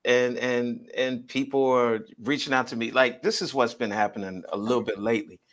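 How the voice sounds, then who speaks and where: A relaxed man of middle pitch, talking as a guest on an interview show. He speaks in an easygoing, friendly way, reassuring the host and musing on his work. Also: moderate pace. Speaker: musician guest. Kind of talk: casual interview chat.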